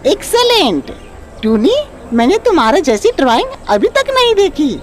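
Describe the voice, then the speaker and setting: A woman's voice: very animated, normal speed, noisy background. A woman voicing a jolly male parrot who judges a drawing contest in a cartoon story. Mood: delighted. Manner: high, announcing voice.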